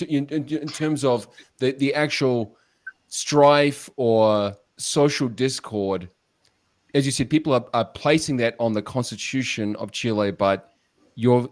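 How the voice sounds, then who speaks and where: A man's voice: medium pitch, no echo. A man hosting an interview, asking long, hesitant questions and restarting them often. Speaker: podcast host, interviewer.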